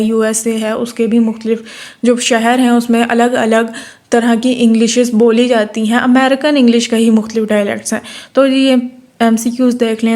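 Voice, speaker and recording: A woman's voice: fairly high pitch, darkish tone. Woman tutor reading notes aloud. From Pakistan. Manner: reads English lines slowly, then explains in Urdu. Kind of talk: lecture explaining exam notes.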